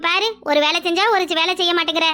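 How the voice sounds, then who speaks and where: A woman voicing a bossy, sharp-tongued village grandmother in a cartoon. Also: very high-pitched, fairly even intonation, quick pace. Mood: nagging. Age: older. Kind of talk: cartoon voice acting.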